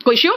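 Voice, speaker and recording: A middle-aged woman teaching an exam-prep English lesson, calling her students "beta" and slowing down to spell out example sentences. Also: a little high, creaky, slight background noise. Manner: addresses students as beta, mixes Hindi and English.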